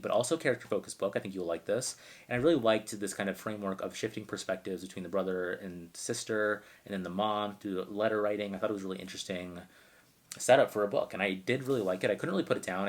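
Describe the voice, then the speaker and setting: A man from Arizona reviewing books in a casual, chatty way, full of asides and "like". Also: lowish voice. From Arizona, United States. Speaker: book reviewer.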